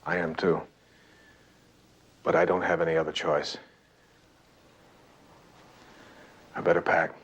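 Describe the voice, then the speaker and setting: An actor playing a smooth, evasive husband with a secret in a television crime drama. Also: male voice, rumbling low, little pitch movement, normal speed, fairly bright tone, highs cut off, exaggerated voice. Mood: loving, resigned.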